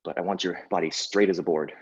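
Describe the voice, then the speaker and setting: A man's voice: low-pitched, fairly even intonation, fast talker, husky, highs cut off. A man coaching a workout like an aerobics instructor, casually giving short encouraging cues and countdowns while exerting himself. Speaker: fitness instructor.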